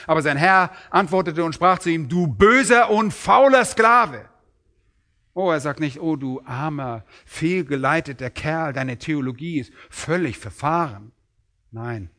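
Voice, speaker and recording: A man preaching a sermon on a parable, emphatic and rising sharply in pitch when he acts out quoted lines. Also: a little slow, a bit bright.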